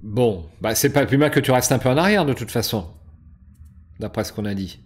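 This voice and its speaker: Rules and moves get a casual explanation from this board game channel host, whose mid-range voice is slightly rough, with lively intonation and normal speed. He's hesitant, full of fillers and frequent restarts.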